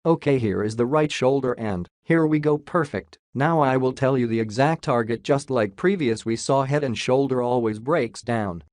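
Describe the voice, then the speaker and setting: A man's voice: mid-range voice, moderate pace, few pauses, a little mellow, no room sound, studio quality. A man whose voice runs through a robot voice filter, walking casually through price charts and joking as he goes. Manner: jokey, says "lol" aloud. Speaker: crypto chart analyst. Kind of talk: casual screen-share chart walkthrough.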